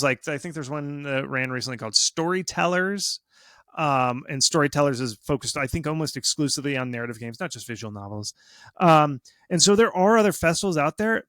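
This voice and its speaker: Recorded at studio quality with no room sound, this fairly high-pitched man is a guest expert on game marketing. He shares casual, informal advice emphatically, animatedly acting out imagined reactions and quotes as he goes.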